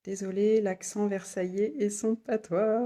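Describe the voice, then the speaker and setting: On a phone or laptop mic, a woman with a warm, mid-range voice hosts a casual live stream from her home office. She works as a human design guide, reading viewers' comments aloud, repeating them, and often laughing.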